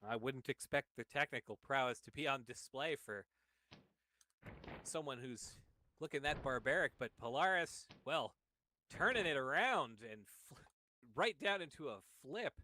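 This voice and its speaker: A man giving excited play-by-play commentary on a wrestling match, calling each move as it happens. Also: mid-range voice. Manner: excited, calls moves quickly.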